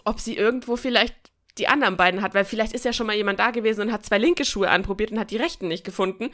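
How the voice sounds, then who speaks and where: Rapid-fire and medium-pitched, a woman hosts a podcast where she swaps casual chat and personal stories. She is expressive and colloquial, joking around in a chatty manner.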